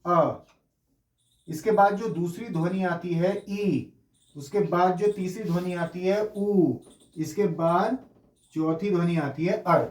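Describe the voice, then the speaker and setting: A man's voice: high voice, takes it slowly, a little mellow. A man teaching a lesson, explaining step by step as he writes on a board, saying each sound aloud and repeating it. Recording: echoey room, voice from a distant mic.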